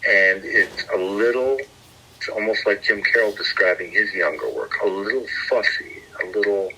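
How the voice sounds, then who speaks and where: A man co-hosting a podcast, talking in an animated, rambling way and laughing often. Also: on the low side, moderate pace, slight background noise, low-quality recording. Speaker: podcast co-host. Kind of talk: casual chat.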